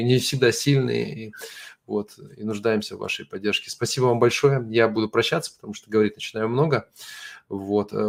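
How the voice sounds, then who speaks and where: Low, gravelly non-native Russian-speaking man. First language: not Russian. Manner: halting, searching for words; apologetic, earnest. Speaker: host of an online religious ministry broadcast. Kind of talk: informal livestream address to viewers.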